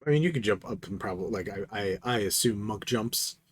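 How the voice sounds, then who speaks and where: A man running a tabletop game as game master, easygoing and hesitant, with fillers and quick laughs. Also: lowish voice, husky, no room sound.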